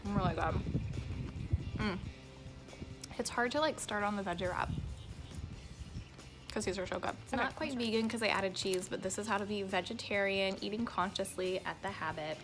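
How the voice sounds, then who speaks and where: A woman's voice: medium pitch, moderate pace, long pauses. A young woman from California reviewing food in a casual vlog, chatty and enthusiastic while talking with her mouth full of fries. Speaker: food vlogger. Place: office, indoors. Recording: music playing behind.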